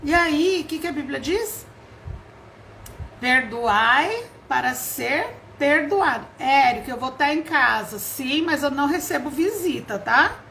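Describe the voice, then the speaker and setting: A woman's voice: sits high, animated, a little slow, gravelly, sharp tone, slight background noise. A middle-aged woman with a Brazilian Portuguese accent preaching an informal sermon, chatty and storytelling, acting out quoted voices and laughing often.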